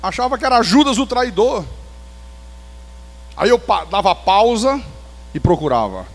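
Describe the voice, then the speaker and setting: Brazilian male pastor, high voice, lively storytelling sermon, long church reverb. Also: measured pace. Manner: animated storyteller with touches of humor. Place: church sanctuary.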